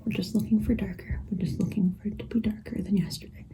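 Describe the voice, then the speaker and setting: A woman's voice: mid-range voice, steady tone, fast talker, warm tone. A young adult woman whispering a personal vlog, tearful and nervous. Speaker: vlogger filming a pregnancy test. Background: guitar music.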